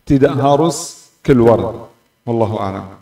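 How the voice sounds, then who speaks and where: A man with a medium-pitched voice gives a Quran recitation lesson as a tajwid teacher, explaining calmly and patiently at a slow pace. He repeatedly draws out letters and syllables to show their pronunciation. The distant mic picks up a roomy echo.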